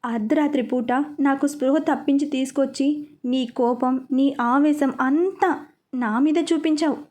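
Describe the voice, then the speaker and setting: Storybook young woman, weak yet defiant, high mellow voice, read by a woman. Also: unhurried. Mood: bitter. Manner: weak but steady, resentful.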